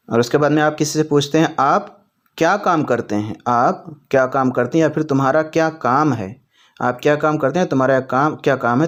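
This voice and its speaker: A man teaching spoken Arabic phrases, saying each one slowly and repeating it before explaining what it means. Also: mid-range voice. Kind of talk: spoken language lesson.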